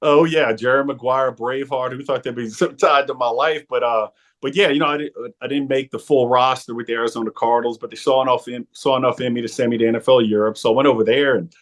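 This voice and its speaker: A man in his forties, a former football player, telling his story as a podcast guest, animated, laughing often and restarting his sentences. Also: medium pitch, quick pace. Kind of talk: storytelling interview talk.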